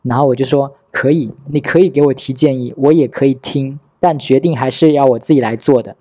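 A man's voice: medium pitch, fairly even intonation, fairly quick, mellow, no room sound, clean studio sound. A man in his thirties, hosting a podcast, tells a personal story candidly and wryly, replaying his conversations with relatives. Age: 30s. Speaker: podcast host. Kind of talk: casual storytelling monologue.

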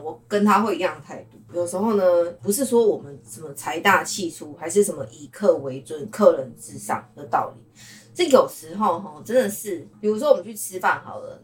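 A woman hosting a casual chat podcast with a Taiwanese Mandarin accent, talking in an animated, sassy way and mimicking people. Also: lowish voice, recorded from a distance. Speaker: host.

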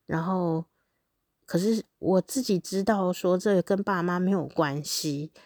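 A woman, reading her own diary aloud as a podcast host in a candid, animated way, often breaking into laughs. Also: lowish voice, measured pace, no room sound, studio quality. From Taiwan.

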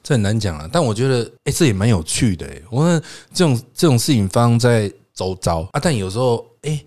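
A man chats casually on a podcast about his work as a hospital doctor. His pitch sits in the middle but moves a great deal, and he tells stories with frequent laughter. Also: sing-song, a little fast, darkish tone. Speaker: podcast co-host, hospital attending physician. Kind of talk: casual chat.

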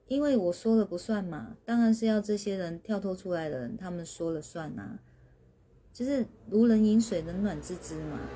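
A woman, a spiritual teacher on a livestream, explaining patiently as her phrases trail off softly. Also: lowish voice, slight background noise. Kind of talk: livestreamed talk answering questions.

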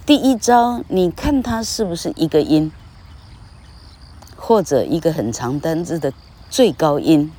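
A woman's voice: low voice, animated, a little slow, long pauses, warm tone, husky. A woman hosting a podcast English lesson, talking in a chatty, rambling way and tagging phrases with a little "ha". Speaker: English teacher podcast host. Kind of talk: casual spoken lesson.

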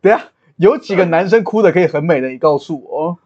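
A man co-hosting a casual podcast chat, teasing his friend in quick banter. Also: on the high side, animated, a little mellow, dull audio.

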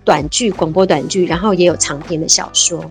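A fairly low-pitched woman speaks fairly quickly, with soft background music, in a casual interview. The guest, a civil servant from Taiwan in her 50s, is animated and laughs easily amid plenty of fillers.

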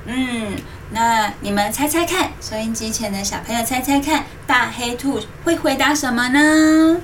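A woman hosts a children's story programme, reading as if to a toddler, in animated simple phrases with coaxing questions. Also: a little high, moderate pace, far from the mic. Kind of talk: interactive storytelling to young children, asking questions. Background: music.

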